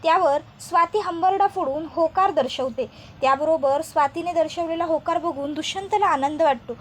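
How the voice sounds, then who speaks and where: A woman retelling a television serial episode in steady storytelling narration. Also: extremely high pitch, normal speed, slight background noise.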